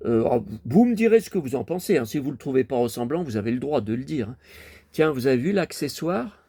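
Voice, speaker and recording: Man, casual collection video, chatty, rambling, animated pitch. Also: quick pace, slightly rough. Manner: chatty, rambling, addresses viewers directly. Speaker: collector showing his toys.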